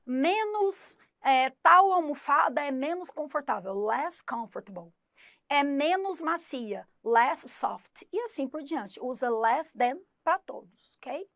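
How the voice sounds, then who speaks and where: A woman's voice: high voice, animated, takes it slowly, fairly bright tone, no echo, studio quality. A Brazilian woman teaching an English grammar lesson, explaining step by step and voicing her students' questions herself.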